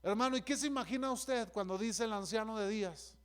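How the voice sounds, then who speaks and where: A man's voice: high voice, brisk, fairly bright tone, clear, resonant tone. A male pastor preaching a sermon with fervor, often calling out to his listeners as brother. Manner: fervent preaching, often calls out "hermano".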